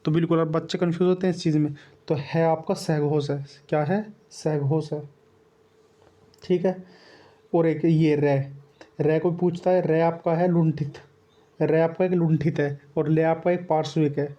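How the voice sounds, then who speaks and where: A man's voice: fairly high pitch, fairly even intonation, moderate pace, mellow. A young man teaching an exam-prep grammar lesson, repeating points and sounding out letters over and over. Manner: repetitive, coaxing, drills sounds aloud.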